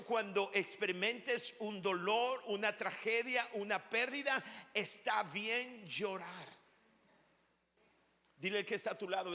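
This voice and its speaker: A man delivers a sermon from the pulpit in a high, bright voice. He speaks slowly and deliberately, drawing out key words and rising into shouts. His voice trails off into the long echo of a large church hall. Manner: emphatic preaching with slow drawn-out phrases and sudden shouts. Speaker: pastor.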